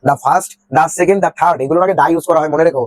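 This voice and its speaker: A man's voice: fairly high pitch, brisk. A young man teaching a grammar lesson, explaining step by step, repeating words and answering his own questions.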